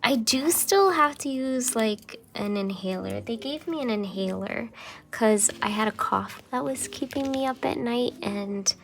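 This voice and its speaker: A young woman journals while chatting casually, rambling with lots of fillers and now and then slipping into a soft half-whisper, her voice still slightly phlegmy from a cold. Her pitch is fairly high, her pace a bit slow, and her tone gravelly. She's a journaling vlogger.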